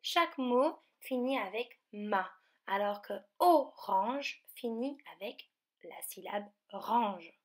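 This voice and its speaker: A woman teacher from France giving a remote lesson to young children, speaking slowly and carefully and stretching out each word. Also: mid-range voice. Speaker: primary school teacher.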